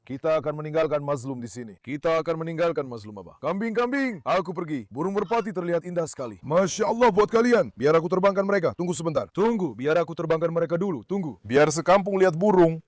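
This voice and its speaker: A man dubbing a farm owner's vlog commentary, excitable and often calling out to his animals and viewers. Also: fairly high pitch, fast, few pauses, no room sound, studio quality. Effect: dubbed voice-over.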